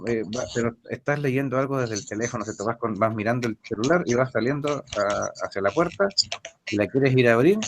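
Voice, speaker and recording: Chilean male teacher, patient explainer, quizzes his student over a faint hiss. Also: mid-range voice. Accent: Chilean Spanish. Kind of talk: recorded language lesson. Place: online class session.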